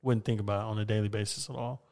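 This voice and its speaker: A man's voice: on the low side, flat delivery, fast, darkish tone. A man podcasting in casual chat, with slangy, profane phrasing.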